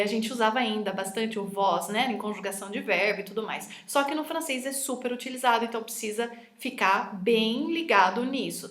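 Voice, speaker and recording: Chatty woman teaching with slides. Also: a little high. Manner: chatty and enthusiastic, often ends with "tá?". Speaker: French teacher. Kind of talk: online lesson over slides. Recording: echoey room.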